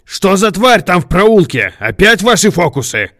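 A man voicing a hot-tempered army captain who talks loudly and aggressively. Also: mid-range voice, normal speed, smooth, no room sound, clean studio sound. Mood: angry shouting. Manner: loud, aggressive, accusing.

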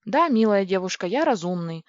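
A woman's voice: mid-range voice, sing-song, brisk, no echo, natural voice. A woman reading a storybook voices a male crocodile-spider alien scout who speaks courteously, formally and precisely. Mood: polite. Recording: dry, dull lo-fi recording.

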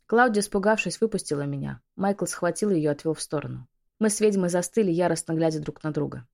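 A woman's voice: lowish voice, lively intonation, fast, creaky, mellow. Woman reading an emotional audiobook. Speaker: audiobook narrator. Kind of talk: first-person audiobook narration.

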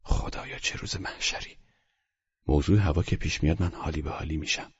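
A man's voice: a bass voice, steady tone, slightly rough, in a large hall, muffled recording, full character voice. A man voicing a smug, educated young man who drawls and sounds pleased with himself. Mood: admiring. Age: young adult. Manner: drawling, self-satisfied.

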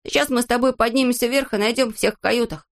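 A woman voicing an excitable, boastful boyish little shorty in a storybook reading, eager and exclaiming. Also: fairly high pitch, quick pace, voice pushed up, lightly acted. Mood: excited. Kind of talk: storybook character voice.

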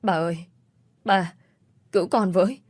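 A woman voicing a frightened young woman who pleads desperately, pitched above her narration, in a storybook reading. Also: a little slow, a little mellow, no room sound. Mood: pleading. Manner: pleading, higher than narration.

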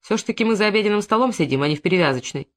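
A gruff, dismissive middle-aged man in an audiobook, as a reader plays him. His speech is brusque and mocking. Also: mid-range voice, animated, very fast, natural voice.

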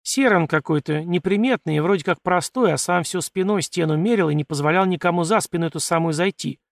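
A man putting on a shrill, bossy village woman who yells in rough rustic talk, high and loud. An audiobook character with a gravelly edge under the squeal, in a dry, close sound. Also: brisk, dry recording. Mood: gossiping. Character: loud scolding middle-aged village woman.

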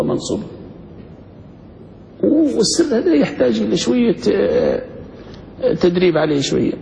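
A man, teaching a grammar lesson and quizzing his students, slowing down to spell out each example. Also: high-pitched, gravelly, a little mellow. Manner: asks students questions, slows to spell out examples. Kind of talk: classroom lesson. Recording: dull lo-fi recording with long reverb.

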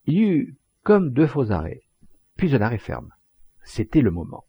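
A man narrating a literary audiobook in a measured, expressive storytelling manner, with a gravelly voice. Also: medium pitch, no echo, highs cut off.

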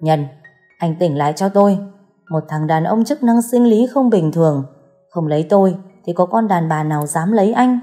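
A woman's voice: fairly low pitch, animated, normal speed, dark tone, soft background music, close to an everyday voice. A woman voicing a scheming young woman who mocks and taunts her husband. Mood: taunting. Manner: mocking, cutting.

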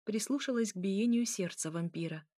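A woman reading a story aloud in a steady, measured narration. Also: medium pitch, no room sound, studio quality. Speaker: audiobook reader. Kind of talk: scripted narration.

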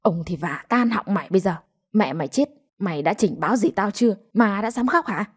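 A woman's voice: mid-range voice, expressive, brisk. Lady putting on a cranky old clerk guy, snapping and barking at people. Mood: shouting. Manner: gruff, barking orders. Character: irritable greedy old male village clerk.

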